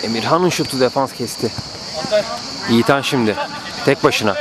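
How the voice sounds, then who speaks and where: A man doing live play-by-play football commentary, excitable, with calls that rise to drawn-out screams at goals. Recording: noisy outdoor pitch, background ambience.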